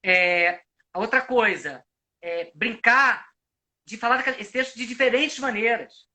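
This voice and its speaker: Bright-voiced Brazilian actor giving advice. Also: male voice, extremely high pitch, measured pace. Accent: Brazilian Portuguese. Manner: reflective, explanatory, many filler restarts. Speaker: actor and acting coach. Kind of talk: live video chat, giving advice. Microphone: video call.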